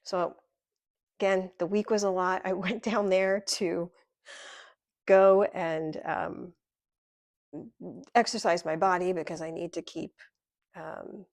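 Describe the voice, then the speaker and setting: Gravelly-voiced woman telling a personal story. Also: fairly low pitch, dry recording, clean studio sound. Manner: candid, rambling, many ums. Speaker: vlogger.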